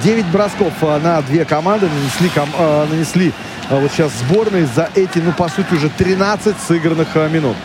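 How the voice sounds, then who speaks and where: A middle-aged man giving live, descriptive hockey play-by-play in a halting way, with drawn-out hesitations. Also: fairly high pitch, noisy background. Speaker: hockey commentator. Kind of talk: live audio-described match commentary.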